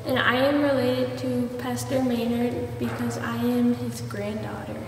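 A woman's voice: on the high side, level tone, darkish tone, soft background music. A fourteen-year-old girl speaking shyly in a short interview. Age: teens. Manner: shy, slow. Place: large empty hall. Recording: echoey hall from far off.

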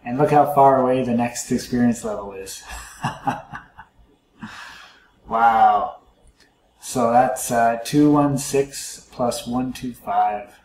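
A man's voice: mid-range voice, slow, pauses often, darkish tone, a little hiss or hum. Guy chatting thru his game for viewers, echoey room, faint clatter behind. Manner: chatty, musing aloud to viewers. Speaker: let's play host. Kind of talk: casual gameplay commentary.

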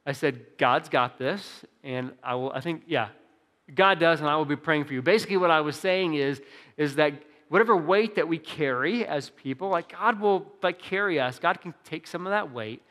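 A young adult man preaches a sermon in an easygoing, self-deprecating way, often restarting his sentences. His voice sits a little high for a man. The sound carries the long reverberation of a church sanctuary. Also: normal speed, a bit bright. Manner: conversational, self-deprecating, frequent restarts and fillers. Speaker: pastor.

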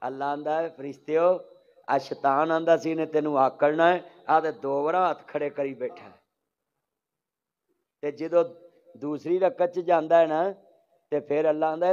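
A man with a Punjabi accent and a slightly high, darkish voice preaches a sermon, telling stories, voicing their dialogue and urging the crowd to respond aloud. The recording is dull and lo-fi.

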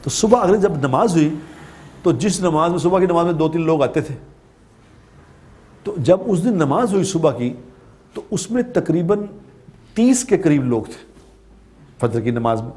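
A man's voice: fairly high pitch, lively intonation, long pauses, dark tone. A man from Pakistan giving a religious talk, telling a story with repeated phrases for emphasis. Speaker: preacher.

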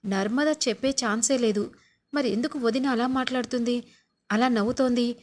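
A woman with a somewhat high, fairly even voice speaks at a moderate pace, sounding close to everyday speech. She plays a nervous young husband muttering his worries to himself, and the mood is anxious.

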